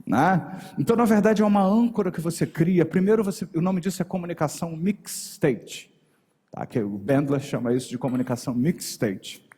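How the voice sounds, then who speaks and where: A man's voice: fairly high pitch, normal speed, husky. Brazilian man lecturing on a stage. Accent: Brazilian Portuguese. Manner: animated, shifts intonation to address the audience directly. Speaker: NLP and hypnosis trainer. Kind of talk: live workshop lecture. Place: stage before a live audience. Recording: long hall reverb on a stage voice.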